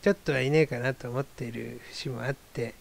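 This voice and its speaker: A man's voice: mid-range voice, fairly even intonation, fairly quick, vocal fry, no echo. A man hosting his own talk show, musing in a wry, rambling, self-deprecating casual monologue. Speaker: solo talk show host.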